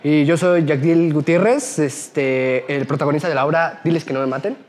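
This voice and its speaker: A man's voice: on the high side, steady tone, normal speed, darkish tone, a little hiss or hum. A young man, the student lead actor, speaking earnestly and searching for words in a casual interview.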